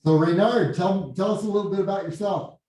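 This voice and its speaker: A man's voice: high voice, dark tone. Man with a hollow, cave-like echo. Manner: casual, halting, repeats words. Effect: hollow cave-like echo, as if speaking in a hole. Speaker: meeting host. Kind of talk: casual meeting chat. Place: meeting room with windows and blinds. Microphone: computer mic set back from the speaker. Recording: very echoey room, far from the mic.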